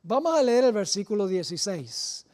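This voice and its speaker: A woman preaching a sermon, with deliberate phrasing and rising emphasis on key words. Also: medium pitch, very animated, a little mellow.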